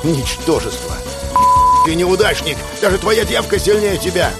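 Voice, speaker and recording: A furious, mocking villain, as a male narrator puts him on in a dramatized audiobook, bellowing insults from high in his voice with menace. Music swells behind him throughout. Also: slow, lightly acted. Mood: raging taunts. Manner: shouting taunts.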